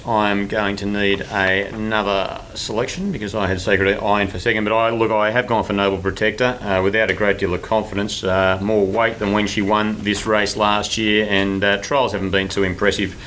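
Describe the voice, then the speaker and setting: Guy hosting horse racing tips, kinda deep voice, stops and starts, bit of background noise. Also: fairly even intonation, moderate pace, few pauses, a bit bright. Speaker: racing show host. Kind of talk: horse racing tipping talk.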